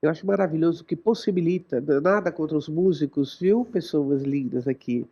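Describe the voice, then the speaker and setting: A woman's voice: low-pitched, fairly quick, muffled recording. A woman hosting a casual interview, enthusiastic and often jumping in with short replies. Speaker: host and producer.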